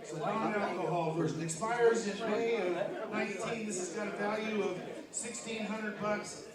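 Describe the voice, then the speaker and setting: A man's voice: high voice, steady tone, normal speed. A man working as a live auctioneer at a charity event, repeating bid amounts and bantering informally with bidders. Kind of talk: live auctioneer calling bids. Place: large indoor event room, amplified to audience. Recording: echoey large hall with loud crowd, distant mic.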